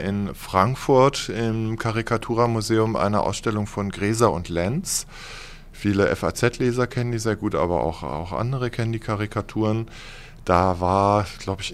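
Interviewer dude, lowish voice, pushy questions. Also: male voice, normal speed. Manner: probing, slightly provocative.

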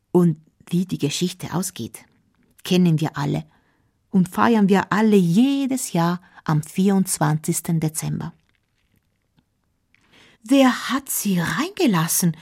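Slow, husky storytelling woman. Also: lowish voice. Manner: slow, gentle, often drops to a whisper. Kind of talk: storybook narration.

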